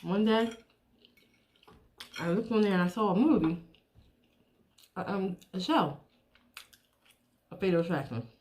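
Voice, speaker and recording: A middle-aged woman chatting casually to viewers while she eats, chewing as she talks and pausing between bites. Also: mid-range voice, a little mellow. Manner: chewing while talking, with pauses to eat. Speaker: mukbang vlogger.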